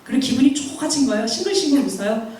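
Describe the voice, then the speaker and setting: A woman missionary preaching a sermon and telling personal stories, animated, acting out the voices of people she quotes. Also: sits high, rapid-fire, a little hiss or hum. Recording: very echoey hall, mic far off.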